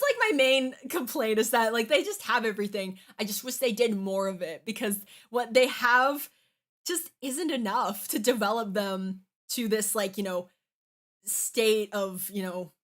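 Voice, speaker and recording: A woman gives casual, opinionated commentary in the manner of a fan reviewer. Her delivery is halting, with false starts and frequent filler words as she works out her point. Her pitch sits in an average range for a woman. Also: a bit bright. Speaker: anime reviewer.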